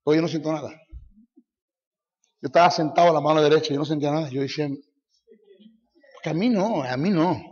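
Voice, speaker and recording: Brief: male Bible teacher, high voice, forceful and mocking, repetitive sermon, echoey lo-fi hall recording. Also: fast talker, long pauses.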